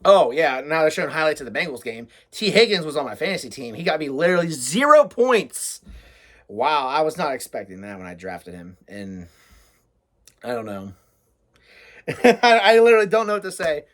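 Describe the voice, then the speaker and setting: A man's voice: mid-range voice, sing-song, moderate pace, a bit bright. A young American man giving a casual, unscripted sports fan rant, blunt and exasperated, with plenty of swearing.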